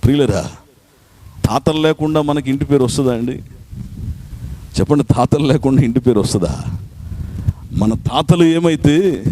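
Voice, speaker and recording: A male pastor with a mid-range voice delivers a sermon at a nighttime church meeting. He repeats scripture one phrase at a time and pushes the congregation to answer him loudly.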